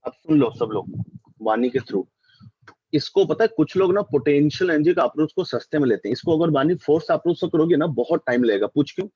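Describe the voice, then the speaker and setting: Husky-voiced man teaching a physics class. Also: fairly high pitch, lively intonation, brisk, warm tone, no room sound. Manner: mixes Hindi and English, quizzes students often. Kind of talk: online class lecture. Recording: dull dry lo-fi mic.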